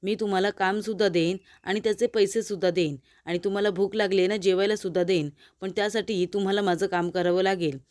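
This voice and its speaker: A woman voicing a confident, playful young husband in a serial recap, calm and self-assured. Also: medium pitch, fast talker, hardly any pauses, close to an everyday voice.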